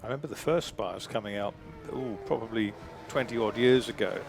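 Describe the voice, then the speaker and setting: A man's voice: on the low side, brisk. A man giving analytical motorsport commentary in a discursive way, hesitating as he chooses his words. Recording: clear background noise.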